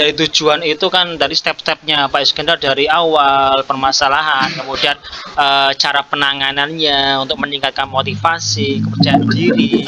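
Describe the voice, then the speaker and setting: A man, coaching a fellow teacher in a hesitant, encouraging way, with many fillers. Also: mid-range voice. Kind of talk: coaching conversation practice.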